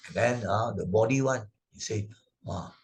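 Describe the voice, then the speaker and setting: Telling moral stories to children on a video call, a Malaysian-accented Buddhist Sunday school teacher speaks at a moderate pace in a voice on the low side. "Uh" comes up often, as do tag questions like "right?" and "isn't it?".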